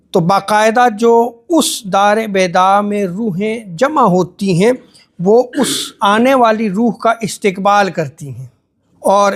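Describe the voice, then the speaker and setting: A man giving a religious lecture as an Islamic preacher, calm and explanatory, rephrasing each point. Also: high voice.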